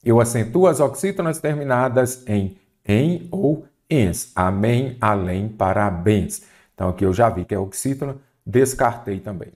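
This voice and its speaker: Male Brazilian Portuguese teacher, exam-prep lesson, energetic and rhetorical. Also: medium pitch. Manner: lively, rhetorical questions to students.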